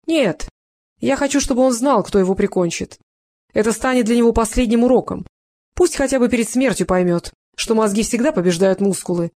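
A woman's voice: fairly high pitch, fairly quick, darkish tone, natural voice. A woman reading an audiobook, voicing a cunning male gang leader in a mocking, strained tone raised above her own. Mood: gloating.

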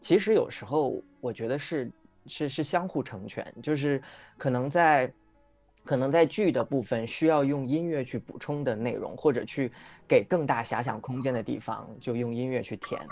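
A male singer, guesting on a livestream, chats casually and explains things in reflective detail with a medium-pitched, slightly mellow voice at a moderate pace. There's no room sound, but the audio is dull and lo-fi with background music behind him.

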